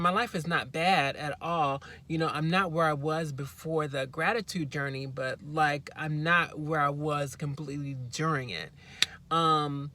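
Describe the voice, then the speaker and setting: Woman vlogger, casual spiritual pep talk, rambling asides, loud emphatic bursts. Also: low-pitched. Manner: chatty, earnest, bursts into loud emphatic moments.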